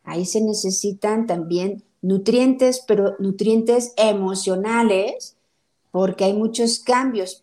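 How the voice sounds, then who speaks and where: Woman, parenting advisor, direct myth-busting delivery, mid-pitched. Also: mellow. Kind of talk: informative conversation.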